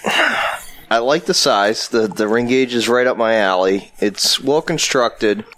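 A man on a cigar podcast panel, giving a slow, halting review with many restarts. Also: mid-range voice, fairly bright tone, low-quality recording. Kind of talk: casual chat.

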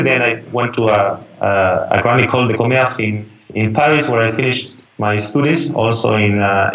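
A man's voice: lowish voice, fairly bright tone, a little hiss or hum, low-quality recording. A young man from Chile with a Chilean accent, a guest on a podcast, answering casually and often restarting and searching for words. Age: young adult.

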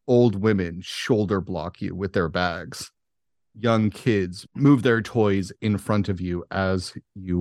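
A man narrating a tabletop game as game master, setting scenes in a dramatic, deliberate way. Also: lowish voice, no room sound, studio quality.

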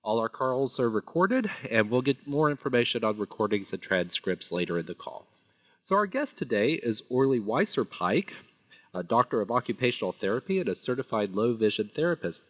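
A man's voice: mid-range voice, very animated, a little fast. A man hosting a phone-in call, reading an introduction in a friendly, upbeat way and repeating a word now and then. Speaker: host of a phone-in chat. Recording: tinny phone line.

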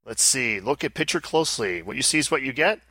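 Male co-host, bright tense tone, dry close sound, reading listings and commenting in a casual way. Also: medium pitch, animated, quick pace, no echo. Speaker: podcast co-host.

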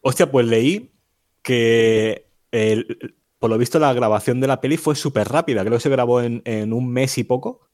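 A man's voice: mid-range voice, moderate pace, darkish tone, no room sound, studio quality. A man, chatting casually and steering the conversation. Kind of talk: casual chat.

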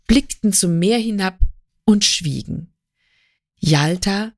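A woman narrating a literary story as an audiobook in a calm, measured way. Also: on the low side, no room sound, clean studio sound.

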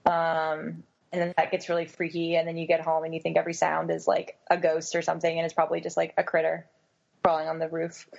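A woman with a lowish, gravelly voice chats on a podcast, drifting into rambling, self-mocking stories. The sound is dull and lo-fi. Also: monotone, fast talker, a little mellow. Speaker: podcast co-host. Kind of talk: casual chat.

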